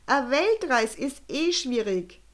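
A woman voicing an excitable male balloonist who speaks broad Swabian dialect in drawn-out exclamations. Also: high-pitched, pitched above the performer's own voice, heavily acted. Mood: chatty.

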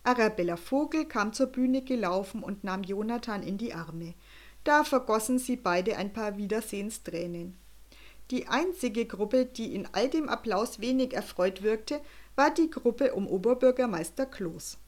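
A woman narrating a children's story with a lively, expressive reading. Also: a little high, measured pace.

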